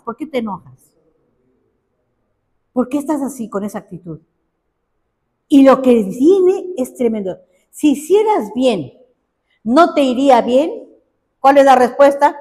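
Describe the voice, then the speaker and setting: A woman preaches to her congregation in a bright, high voice. She talks expressively and keeps putting questions to her listeners. Her voice rings out in a large hall with a long echo. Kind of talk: sermon.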